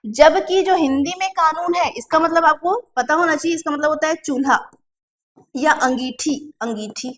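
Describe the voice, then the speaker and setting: A woman's voice: high voice, fairly bright tone. A woman teaching a classroom lesson for an exam, explaining step by step and asking and answering her own questions, with a Chhattisgarh Hindi accent. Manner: slows to drawn-out pronunciation drills.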